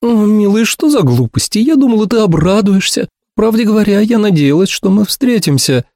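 A man's voice: very animated, moderate pace, a little mellow, dry recording, studio quality. A man voicing a chattering young woman in an audiobook, piercing and effusive, showering endearments. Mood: plaintive. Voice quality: piercing shrill voice. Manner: effusive, sprinkles every phrase with endearments. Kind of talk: audiobook character voice.

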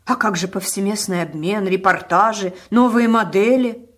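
A woman voicing a feisty, sharp-tongued old woman who exclaims loudly. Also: mid-range voice, normal speed, close to an everyday voice. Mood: bewildered. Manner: loud and exclaiming.

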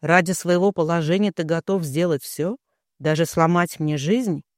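Man reading a young heroine: tearful, pleading, defiant; high voice. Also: moderate pace, no room sound, clean studio sound, close to an everyday voice. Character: distraught young woman, desperate and defiant.

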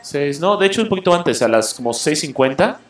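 A man hosting a show gives a blunt, opinionated film review in a casual radio style, full of fillers and restarts, as a host who covers films and comics. His voice is a little high and expressive, a bit fast, and the sound is roomy.

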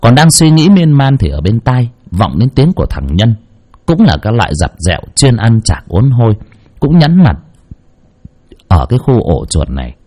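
A man's voice: medium pitch, wildly swooping pitch, moderate pace, warm tone. A man telling a story in dramatic, colloquial scripted narration.

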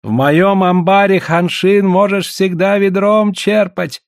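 A man voicing a pushy, boastful merchant headman who exclaims loudly. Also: high voice, expressive, measured pace, dry recording, clean studio sound, voice pushed up. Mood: insistent. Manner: loud, insistent exclamations.

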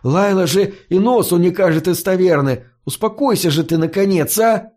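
A man's voice: high voice, moderate pace, a little mellow, pitched above the performer's own voice. A man voicing an impatient, nervous teenage boy in an audiobook, his lines urgent and scolding. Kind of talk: audiobook character voice.

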